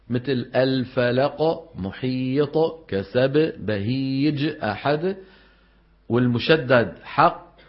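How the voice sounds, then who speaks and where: A man teaching a classroom lesson on Quran recitation. He explains, quizzes his students and drawls example words slowly. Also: mid-range voice, husky, highs cut off.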